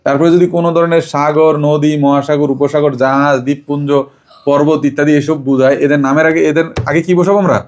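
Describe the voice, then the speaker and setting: A man's voice: a little high, level tone, brisk, a little mellow. A man teaching English grammar to a child, asking questions and repeating the answers. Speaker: English tutor. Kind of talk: home tutoring lesson.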